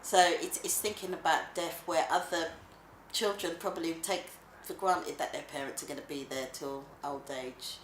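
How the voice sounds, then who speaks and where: A middle-aged woman talks openly in an interview, her voice pitched a little low and full of feeling. She laughs easily between heartfelt words. The room is echoey, with noise in the background. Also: fairly even intonation, moderate pace, few pauses. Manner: warm, emotional, laughs easily. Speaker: interviewee, mother and grandmother. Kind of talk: casual documentary interview.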